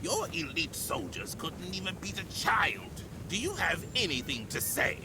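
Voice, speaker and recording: A pompous, very animated official. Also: male voice, on the high side, measured pace, noisy background. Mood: scornful. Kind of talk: dramatic video game acting.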